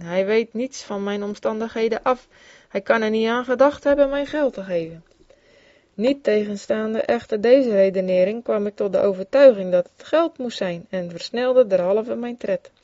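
A woman's voice: medium pitch, darkish tone, no room sound. A woman reading aloud an old devotional memoir, in an earnest tone that grows fervent in its exclamations. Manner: earnest, with rising fervor in exclamations. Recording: dull, dry lo-fi recording.

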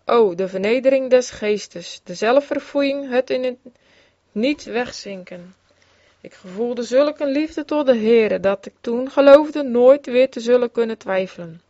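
A woman's voice: fairly high pitch, measured pace, warm tone, no echo. Woman reading an old memoir, earnest. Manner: earnest, with rising fervor in exclamations. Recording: dull, dry lo-fi recording.

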